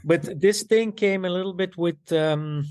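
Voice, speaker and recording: A man with an Italian accent, a tailor raised in Belgium, speaking haltingly in a casual interview as the guest. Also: high voice, darkish tone, smooth. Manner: halting, repeats words.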